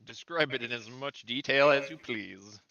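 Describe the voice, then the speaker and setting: A man's voice: medium pitch, moderate pace, creaky, sharp tone, dry recording. A man acting as game master, describing scenes for a tabletop game, on a slightly dull lo-fi recording.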